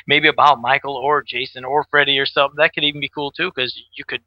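A man's voice: mid-range voice, little pitch movement, fast, no echo, highs cut off. A man chatting as a podcast guest in a modest, rambling way. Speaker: podcast guest, horror enthusiast. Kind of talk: casual chat.

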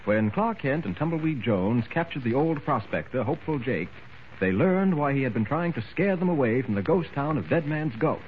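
A man's voice: medium pitch, animated, moderate pace. A man narrating an old radio show, setting the scene in a dramatic 1940s radio drama style. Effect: old radio show broadcast. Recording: thin, phone-like old radio recording with faint hiss.

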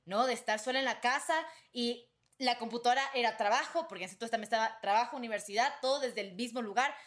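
A woman in her twenties from Venezuela, a guest chatting casually on a podcast, reflective and trailing off softly. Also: fairly high pitch, fast. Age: 20s.

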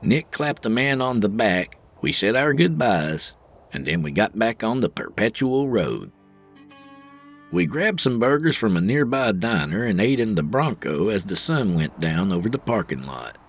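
A man narrates an audio drama in a wry, colloquial way. His pitch moves in lively swings, and his voice has a slightly husky grain. Faint music runs beneath him. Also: measured pace.

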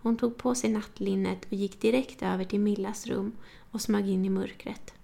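A woman narrating an audiobook in a calm, even storytelling manner. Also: medium pitch, gravelly. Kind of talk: scripted narration.

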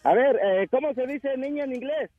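A man's voice: extremely high pitch, normal speed, no room sound, faint music behind. A man calling in to a radio show to tell a riddle joke, setting it up step by step. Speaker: caller. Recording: tinny phone line.

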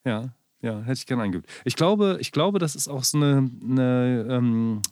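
A man chatting casually as a podcast co-host, rambling and halting with many restarts and fillers. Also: mid-range voice, darkish tone, dry recording, studio quality. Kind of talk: casual chat. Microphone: studio microphone.

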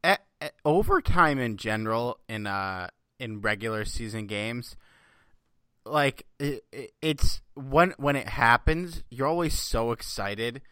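A man's voice: medium pitch, lively intonation, unhurried, bright, forceful tone, no room sound, studio quality. An American man hosting a sports podcast, chatting casually in a rambling way full of fillers. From US East Coast. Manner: rambling, profane, filler-heavy.

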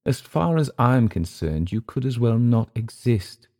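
The audiobook reader's take on this faded, bitter Englishman is very animated and warm-toned, pitched far higher than his low narrating voice. At a moderate pace, the character comes across as earnest and defiant, yet volatile and mocking.

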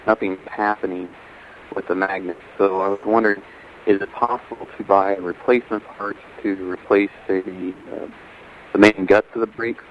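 Caller: man from Louisiana leaving a voicemail, somewhat low voice, hesitant, dull lo-fi line. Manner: hesitant, many fillers. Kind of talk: casual question. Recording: muffled voicemail line with faint hiss.

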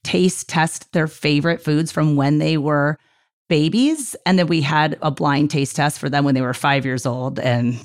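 A woman in her thirties hosting a podcast, talking fast and chatty with frequent laughs. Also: low voice. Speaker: podcast host. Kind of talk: casual podcast chat.

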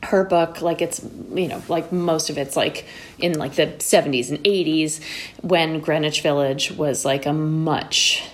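A woman novelist, born in Connecticut and raised in New York, is a guest in a casual conversation. Her slightly low voice keeps a steady tone, but her delivery is halting, with frequent restarts and lots of "like" and "you know" fillers.

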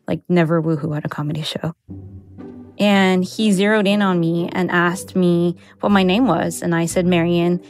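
Fairly low and a touch mellow, this woman's voice belongs to an American from the United States whose native language is Mandarin. She tells a story about herself conversationally, with frequent "like" and "you know."

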